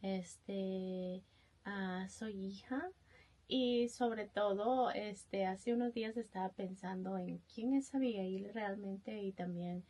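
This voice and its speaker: Guatemalan woman guest, unhurried, soft, hesitant speaker. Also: mid-range voice. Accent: Guatemalan Spanish. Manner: soft-spoken, hesitant with many fillers. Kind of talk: testimony interview.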